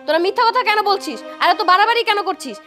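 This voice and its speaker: A woman's voice: very high-pitched, animated, racing. An indignant, defensive neighbor lady. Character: indignant grown woman living upstairs. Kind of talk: low-budget drama acting. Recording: music bed under dialogue.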